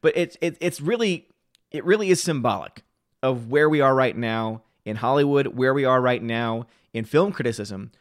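A man's voice: medium pitch, no echo, clean studio sound. A man hosting a live stream, chatting casually and answering viewers' chat comments. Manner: talks fast, reads and answers chat comments.

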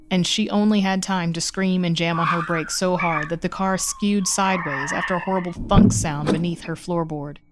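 A woman reading a horror short story aloud with measured, suspenseful narration. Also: fairly low pitch.

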